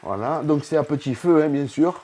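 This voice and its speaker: A man with a somewhat high voice hosts a casual cooking vlog from his home kitchen. He chats freely and keeps addressing the viewer directly as he shows each step. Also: normal speed, warm tone. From southern France. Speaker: cooking video host.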